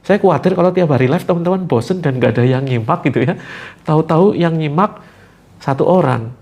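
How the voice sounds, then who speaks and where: A man hosting a live spiritual therapy session, giving gentle instructions with light jokes. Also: a little high, fairly quick.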